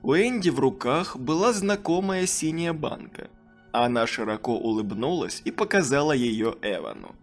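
An audiobook narrator reading a children's horror story and acting out the characters' lines in a raised, excited voice. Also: mid-range voice, normal speed, soft background music.

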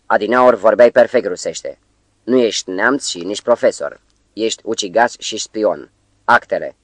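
A man reading the lines of a furious young male poet who accuses and shouts at a stranger. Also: fairly low pitch, no room sound, close to an everyday voice. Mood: accusing. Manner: angry, accusing.

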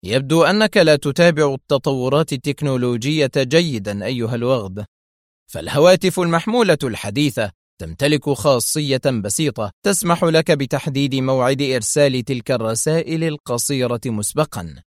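A man doing a calm sarcastic male hero. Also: mid-range voice, brisk, no room sound, clean studio sound, natural voice. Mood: mocking.

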